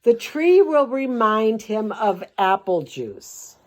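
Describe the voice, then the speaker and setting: A woman's voice: on the high side, sing-song, slow pace, a little mellow. An older woman reading a children's book aloud and breaking off into sarcastic, rambling asides with mild swearing. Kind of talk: comic storybook commentary.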